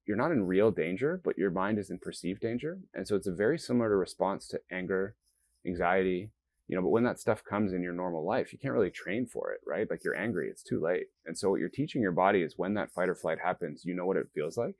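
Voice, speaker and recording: A man's voice: sits low, lively intonation, quick pace, darkish tone, dry recording. A man being interviewed as a company founder, explaining earnestly and acting out the thoughts of nervous people. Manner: earnest, explanatory, acts out quoted self-talk. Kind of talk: interview conversation.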